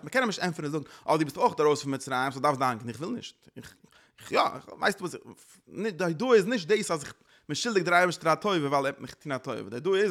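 Man, religious lecture, teacher, gravelly fry, mid pitch, earnest, restates his points. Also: a bit bright.

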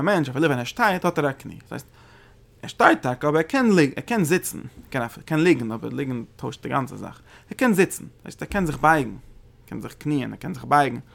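A man's voice: mid-range voice, lively intonation, fairly quick, vocal fry. A man giving a religious study lecture as a Torah teacher. He halts often, repeats words and restarts phrases, and his voice jumps up when he stresses a point. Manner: sudden emphatic rises when stressing a point.

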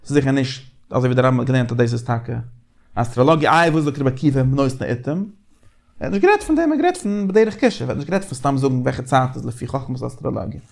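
A man leading a casual Talmudic study discussion, animated and repeating phrases as he thinks aloud. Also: mid-range voice, creaky.

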